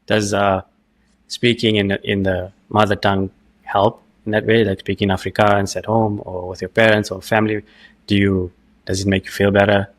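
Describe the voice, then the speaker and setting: A man's voice: on the low side, level tone, normal speed. A man with a South African accent, chatting casually as an interview host and telling things in a conversational way. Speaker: podcast host.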